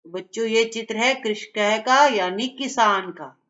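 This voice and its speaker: Slow patient woman teacher. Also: fairly high pitch, fairly bright tone, highs cut off. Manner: slow, patient, explaining step by step to children. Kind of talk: textbook lesson for children.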